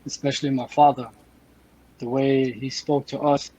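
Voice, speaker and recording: A man in his thirties from Afghanistan, a podcast guest, speaks in a direct, measured way and repeats phrases for emphasis. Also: mid-range voice, little pitch movement, warm tone, rough recording. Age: 30s. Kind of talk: casual chat.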